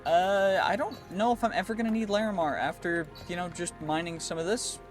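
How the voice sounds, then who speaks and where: A man giving casual commentary over his own gameplay, chatty and thinking aloud with quick reactions. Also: sits high. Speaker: gaming channel host. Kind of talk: casual let's-play commentary. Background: clear background music.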